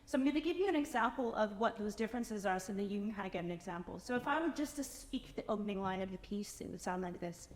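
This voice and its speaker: Animated woman singer in an echoey hall. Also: medium pitch, fast, few pauses. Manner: animated, demonstrates by speaking and singing. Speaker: singer performing the speaking part. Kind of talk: explaining vocal technique to a concert audience.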